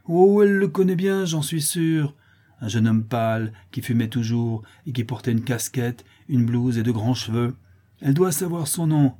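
A man's voice: medium pitch, animated, moderate pace, warm tone, husky. A man voicing a harsh peasant widow who sells milk, in an accusing, insistent manner, for a storybook reading.

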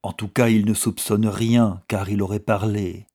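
A man reading the lines of an anxious young peasant wife, who speaks low and urgently. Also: flat delivery, a little slow. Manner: urgent and hushed.

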